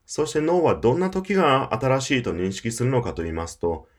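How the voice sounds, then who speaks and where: A man's voice: mid-range voice, sing-song, fairly quick. A man teaching English pronunciation in Japanese, explaining in an emphatic scripted audio lesson. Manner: explanatory, emphatic, demonstrates English phrases at varied speeds.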